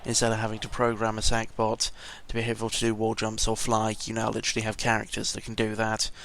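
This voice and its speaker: A young British man of seventeen, a vlogger, talks fast in a lowish, gravelly, fairly bright voice with a completely flat delivery. Recorded on a noisy home mic, his audio log rambles casually, hesitant and off on tangents, with mild swearing, and he seems slightly unwell.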